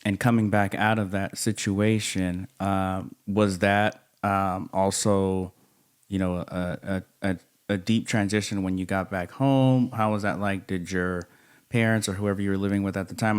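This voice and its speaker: A man's voice: lowish voice, level tone, moderate pace, clear, resonant tone. A man hosting a casual conversational interview, asking questions in a tentative, encouraging way. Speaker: interviewer, host.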